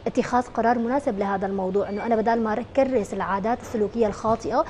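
A woman's voice: a little high, racing, darkish tone, slight background noise. A woman with a Syrian Arabic accent, a psychologist guest on a morning TV show, explaining at length with frequent fillers and restarts.

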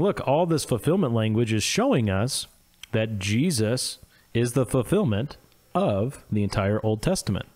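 A Midwestern-accented man co-hosts a theology podcast, speaking in a fairly low, slightly mellow voice. He reads quotes out loud, adding brief comments as he goes.

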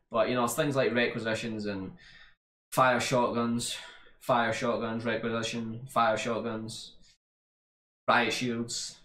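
A young Scottish man hosts a casual question-and-answer vlog for his gaming channel. He talks loosely, with plenty of ums and a friendly "bro" here and there, in an ordinary mid-range voice. The room around him rings with a noticeable echo. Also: mid-range voice. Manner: relaxed, rambling, lots of ums and "bro". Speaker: YouTube gaming creator. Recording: roomy echo.

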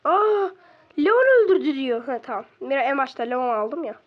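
High-voiced excitable female gamer. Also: moderate pace. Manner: excitable, exclaims and grumbles at opponents. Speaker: gaming video creator. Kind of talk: casual gameplay commentary. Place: bedroom at home. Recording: slightly dull lo-fi recording.

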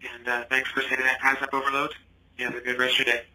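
A man's voice: mid-range voice, completely flat delivery, fast, pushed and bright, low-quality recording. A man working as a transit dispatcher, speaking in procedural confirmations over two-way radio, like taxi dispatch. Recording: two-way radio, faint background noise.

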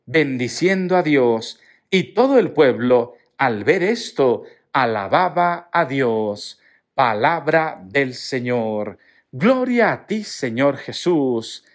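Slow, animated priest preaching. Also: male voice, medium pitch. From Mexico. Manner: expressive storytelling, acts out quoted voices. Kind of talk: Mass readings and homily.

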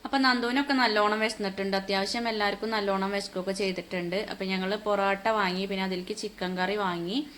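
A woman's voice: medium pitch, fairly even intonation, fast talker, a bit bright, a little hiss or hum. Keralan woman vlogger in her thirties, chatty phone narration, faint ambience in the background. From Kerala, India. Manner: chatty, tag-heavy storytelling. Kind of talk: casual narration. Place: airport, indoors.

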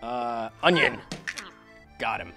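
An excitable man playing a video game with his co-host, swearing and teasing in quick bursts. His voice is bright and a touch high, bouncing around a lot in pitch. A faint bed of game music sits behind him. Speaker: co-host of a gaming channel. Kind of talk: casual let's-play commentary.

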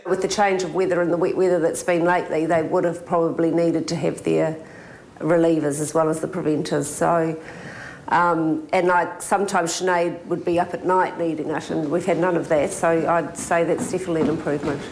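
Middle-aged New Zealand mum, very low flat voice, hesitant and earnest, faint hiss. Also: female voice, a little fast, low-quality recording. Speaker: mother of twins. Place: home interior.

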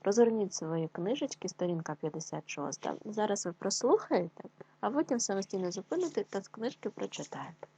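A woman teacher leading a children's reading lesson on video, stretching syllables slowly, counting aloud and often praising her pupils. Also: medium pitch, lively intonation, mellow, breathy edge, poor audio. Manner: slow, drawn-out syllables and counting for kids. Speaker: primary school teacher.

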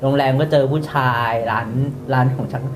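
A man's voice: medium pitch, fairly quick. A man playing in a tabletop role-playing game, chatty and playful, asking the game master questions. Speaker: player.

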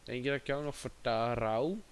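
A man's voice: mid-range voice, fairly even intonation, moderate pace, slight background noise. A man chatting casually on a livestream, distracted and talking to his chat and a friend. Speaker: livestream host.

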